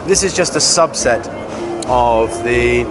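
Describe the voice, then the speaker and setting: A man giving an informal, technical product demonstration as a company representative, speaking haltingly with frequent pauses. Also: mid-range voice, expressive, music in the background. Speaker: company representative presenting products at a trade show. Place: busy trade show exhibition floor. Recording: loud trade show floor noise.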